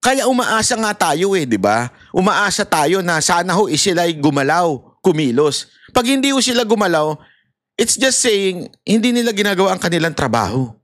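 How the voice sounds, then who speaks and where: A man's voice: moderate pace, dry recording, clean studio sound. A man with a Filipino accent giving casual political commentary, laughing often and mixing in English. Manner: animated, mixes Tagalog and English, laughs often; shouts high when acting out scenes.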